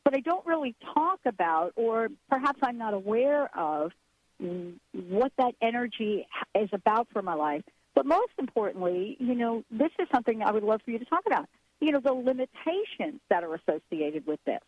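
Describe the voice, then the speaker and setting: A woman's voice: a little high, very animated, normal speed, dry recording. Woman, radio host, casual rambling talk, slightly muffled lo-fi sound. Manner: rambling, searching for words.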